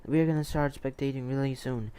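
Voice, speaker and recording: A man with a medium-pitched, fairly level voice talks briskly over background noise into a close mic. Not a native English speaker, and not Hindi-speaking by origin, he hosts an esports livestream, rambling, repeating himself, and answering chat while commenting on matches.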